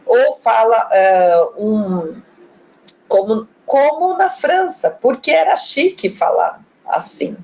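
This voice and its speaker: Woman presenter for an online talk: slow, chatty delivery that acts out the sounds, dull lo-fi stream audio. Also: fairly high pitch, animated, a little mellow. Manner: chatty, demonstrates regional pronunciations. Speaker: lecturer on pronunciation. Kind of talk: live online talk, reading viewer comments.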